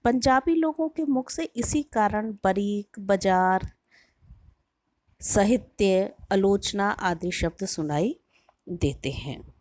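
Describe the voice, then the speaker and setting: A woman giving a university lecture in a slow, measured, explanatory way, drawing out her example words. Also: mid-range voice, a little mellow, dry recording. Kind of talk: recorded lecture.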